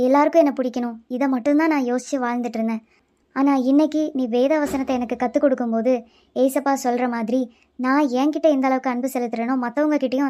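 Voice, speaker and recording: Someone doing a whiny high-pitched schoolkid. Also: natural voice. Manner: whiny and emotional, bright and loud. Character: selfish schoolkid Jess who learns to share. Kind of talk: kids puppet show acting.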